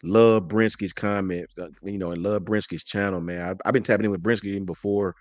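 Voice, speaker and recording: A man with a very low voice rambles in easygoing, slangy talk as a live-stream guest. He stumbles and repeats himself often. The sound is close and dry. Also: fairly even intonation, fairly quick, a little mellow, no room sound. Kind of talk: casual chat.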